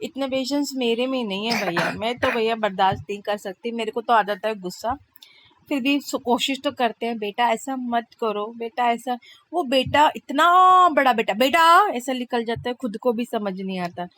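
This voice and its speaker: Mom vlogging her day, chatty and fed up, kinda high voice, funny complaining. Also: moderate pace, a bit bright. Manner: chatty, exasperated, complaining humor. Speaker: vlogger, mother. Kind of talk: casual voice-over vlog narration.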